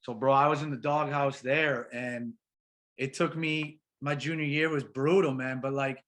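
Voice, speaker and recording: A man, a professional soccer player, talking as a guest in a casual interview, animated and slangy, calling his host bro and man. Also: medium pitch, normal speed.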